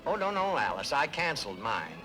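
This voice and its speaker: A man's voice: medium pitch, big pitch swings, fairly quick, close to an everyday voice, low-quality recording. An actor playing a fussy older neighbor, genteel and easily flustered, hemming as he talks. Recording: old TV soundtrack with music behind.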